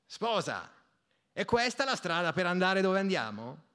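A man voicing a cheeky, boisterous young working man who teases and jokes loudly. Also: a little high, very animated, unhurried, voice pushed up, full character voice. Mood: teasing, boisterous. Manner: teasing, loud and boisterous.

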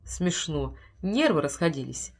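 A woman's voice: deep voice, very animated, unhurried, heavily acted. A woman reading the lines of a frightened, nervous housewife and mother who speaks with breathless, pleading urgency. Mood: uneasy.

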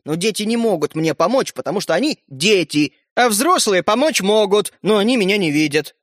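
A man's voice: high voice, expressive, brisk, fairly bright tone, no echo, clean studio sound, voice pushed up. A man voicing a tiny, proud and grumpy fairy-tale boy hero who snaps and boasts. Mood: grumbling. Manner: snappy, indignant, boastful.

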